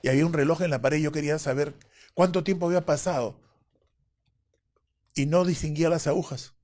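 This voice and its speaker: A man's voice: fairly high pitch, fairly even intonation, a little fast, darkish tone. A man as an interview guest, telling a personal story vividly and acting out the voices of others.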